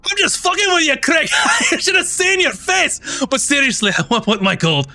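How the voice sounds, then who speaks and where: A man's voice: high voice, expressive, a little slow, husky, dry recording, pitched above the performer's own voice, exaggerated voice. Man voicing a boisterous pirate quartermaster. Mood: mocking. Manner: swings from boisterous laughter to threats. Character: jovial, menacing male pirate quartermaster.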